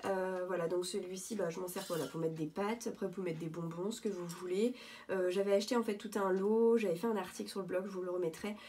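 Mellow-voiced woman chatting casually. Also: lowish voice, fairly even intonation, quick pace, slight background noise. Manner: chatty, hesitant with many fillers and restarts. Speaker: vlogger showing thrift finds. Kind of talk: casual show-and-tell vlog. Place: at home, indoors.

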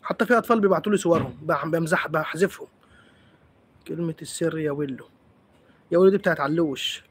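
A man's voice: fairly high pitch, fast talker, husky. A man with an Egyptian accent hosting a live stream, chatting playfully with viewers and teasing them as he answers comments. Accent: Egyptian Arabic.

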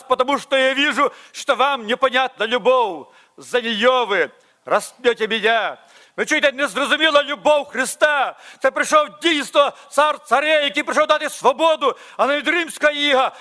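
A man's voice: very high voice, pushed and bright. A man with a Ukrainian accent preaching a Sunday sermon to his congregation, fervent, full of rhetorical questions. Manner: preaching with rising fervor, repetitive rhetorical questions. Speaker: pastor.

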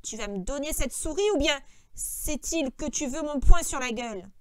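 A woman's voice: high voice, expressive, normal speed, clean tone. A woman reading an audiobook, voicing a short-tempered grown man who scolds and orders his companion about. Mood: stern. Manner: scolding, sharp, impatient. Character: irritable, bossy adult male farmhand, short-tempered.

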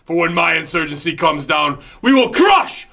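A man voicing a fanatical, menacing male wrestling villain, bellowing threats and drawn-out chants in a shouted promo. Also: on the high side, big pitch swings, vocal fry, voice pushed up, exaggerated voice.

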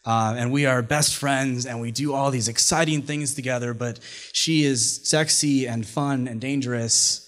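A young man in his twenties tells a personal story on a small stage, close to a stand microphone. His delivery is wry and self-deprecating, and he sets up lines for laughs. His voice sits at a middling pitch for a man. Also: fairly even intonation, moderate pace, hardly any pauses, fairly bright tone. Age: 20s. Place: small stage venue, indoors. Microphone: stand mic at mouth.

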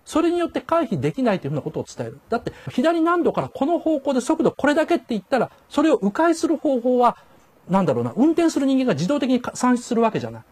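An older man talks fast in a casual commentary, his pitch leaping up and down as he acts out lines of dialogue. His voice is husky and a little rough. He chuckles now and then between points. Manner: animated, acts out quoted dialogue in raised voices; chuckles while talking. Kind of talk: casual spoken critique.

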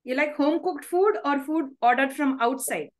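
Indian accent lady interviewing someone on a video call, high voice, super polite and effusive. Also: normal speed. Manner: effusive, polite, frequently affirming. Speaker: interview host. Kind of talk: conversational interviewing. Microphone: video call microphone.

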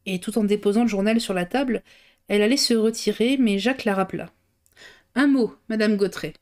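A woman reading an old novel aloud on a livestream. Her narration is steady, at a middling pitch, with a stumble and a correction here and there. The voice stays even and attentive to the text. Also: fast. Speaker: reader.

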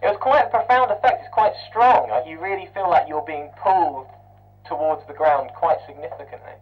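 A man with a high voice comes through a headset intercom, the sound muffled and dull. He answers his instructor in a casual, calm and cheerful way, in short replies. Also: fairly quick, husky. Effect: heard over a headset intercom. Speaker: centrifuge trainee.

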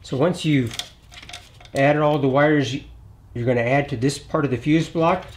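A man's voice: on the high side, moderate pace. Easygoing man walking through a repair. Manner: relaxed, plainspoken, thinks aloud while working. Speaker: DIY auto repair channel host. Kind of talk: hands-on repair tutorial.

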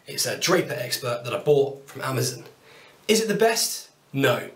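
A man's voice: medium pitch, big pitch swings, moderate pace, fairly bright tone, recorded from a distance. A man in his thirties with a British accent, chatting upbeat and self-deprecating as he walks through his woodworking tools. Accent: British English. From United Kingdom. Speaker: woodworking YouTuber. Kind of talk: casual tool walkthrough to camera. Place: small home workshop, indoors. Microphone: camera mic at a distance. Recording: roomy workshop sound, voice off-mic.

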